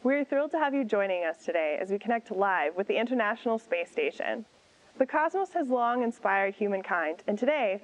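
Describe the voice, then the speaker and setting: A woman's voice: mid-range voice, rough recording. A woman hosting an event, delivering scripted opening remarks in a formal, polished presenting manner. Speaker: event host, museum programs coordinator.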